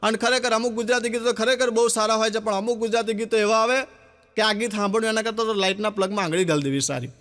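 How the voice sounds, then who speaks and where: A man's voice: sits high, very fast. A man doing stand-up, telling comic stories and acting out the dialogue of the people in them. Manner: animated joke-telling with quoted dialogue. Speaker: stand-up comedian. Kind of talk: Gujarati comic storytelling.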